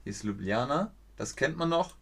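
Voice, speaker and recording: A man's voice: medium pitch, lively intonation, normal speed, fairly bright tone. A young man streaming a geography guessing game, thinking aloud, reading viewers' chat and stumbling over foreign place names.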